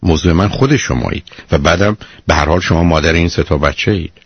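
With a low, husky voice and no room sound, this call-in advice show host gives a caller blunt, lecturing counsel and keeps calling her "dear." The broadcast comes across muffled, like radio.

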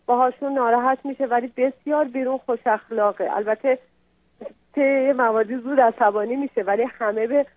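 A woman's voice: a little high, steady tone, no echo. A woman, a mother, calls in to a radio advice show and speaks in an apologetic, pleading way. She defers to the host as she explains herself. Her voice comes through a tinny, dry phone line. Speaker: caller, a mother. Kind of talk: call-in conversation.

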